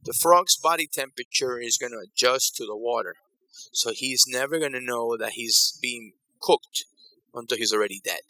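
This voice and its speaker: Bright-voiced man from Ecuador teaching. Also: mid-range voice, normal speed, no room sound, poor audio. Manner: conversational, repeats phrases for emphasis. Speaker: workshop facilitator. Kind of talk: conference breakout talk.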